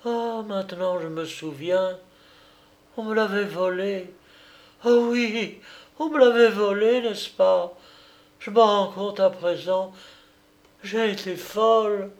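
A man reading aloud and voicing a young mother overwhelmed with joy, in a high tearful voice. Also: slow pace, pauses often.

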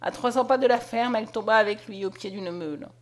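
A woman narrating a story aloud in a dramatic, expressive reading. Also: medium pitch, fairly quick. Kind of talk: scripted audiobook narration.

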